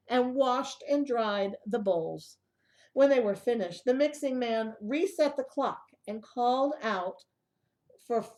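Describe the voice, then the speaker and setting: The audio quality is poor in this clip of a high-voiced woman reading a picture book aloud to young children. She reads expressively, with asides and questions for her listeners.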